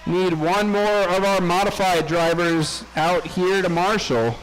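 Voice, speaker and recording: Brisk man announcing at a race track. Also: high voice, rough recording. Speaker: race director. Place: indoor RC raceway.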